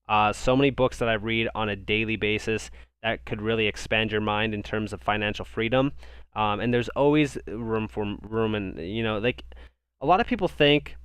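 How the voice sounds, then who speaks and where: A man's voice: medium pitch, clear, resonant tone, dry recording, clean studio sound. A young man from the United States hosting a crypto live stream, reading viewer comments and answering in a casual, rambling way, often repeating words. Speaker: crypto livestream host.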